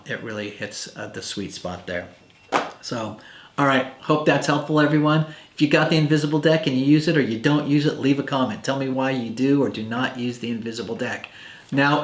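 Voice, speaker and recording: A man's voice: on the low side, slight background noise. A man giving a casual, rambling video review of a magic product, full of ums and uhs. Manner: chatty, rambling with many fillers. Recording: roomy echo.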